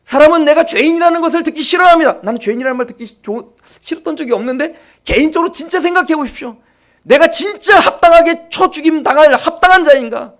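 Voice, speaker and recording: A male pastor preaching an impassioned sermon, firing rhetorical questions at the congregation and dropping to quiet asides. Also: very high voice.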